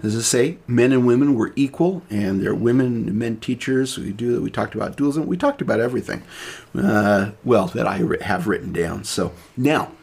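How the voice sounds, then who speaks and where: A man's voice: mid-range voice, normal speed, vocal fry, a little mellow, breathy edge. A man hosting a casual podcast chat, explaining at length with many restarts and fillers. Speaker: podcast host presenting the topic.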